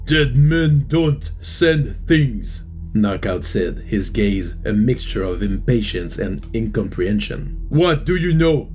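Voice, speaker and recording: A man's voice: deep voice, steady tone, a little slow, hardly any pauses, a little mellow, soft background music. A man voicing a hot-tempered Russian ex-enemy soldier in a storytelling recap, speaking bluntly with a Russian accent. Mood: insistent.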